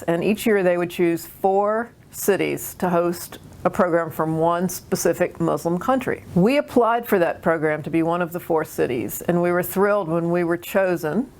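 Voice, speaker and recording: A woman who runs an arts center speaks in a documentary interview. Her voice sits a little low, and she explains things in a measured, even way.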